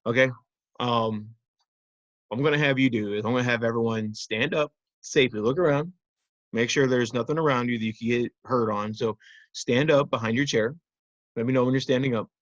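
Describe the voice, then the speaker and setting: A man's voice: mid-range voice, dry recording, lo-fi sound. A man teaching young children in simple, instructive phrases, often checking in with short questions. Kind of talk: simple interactive children's lesson.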